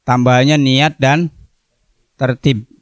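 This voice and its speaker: A middle-aged man teaches a religious text to a class, working through it word by word and wandering into playful asides about word meanings. His voice is smooth and clear, and he speaks at an unhurried pace. The recording is dry, with no room echo. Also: mid-range voice, flat delivery. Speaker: religious teacher at an Islamic boarding school.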